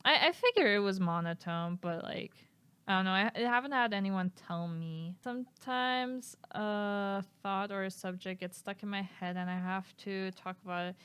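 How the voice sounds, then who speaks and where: A young woman on a stream reads test questions aloud and answers them casually and hesitantly, laughing often and tossing in giggly asides. Her mid-range voice is smooth, her pace moderate, and the recording dry; she describes herself as flat and monotone.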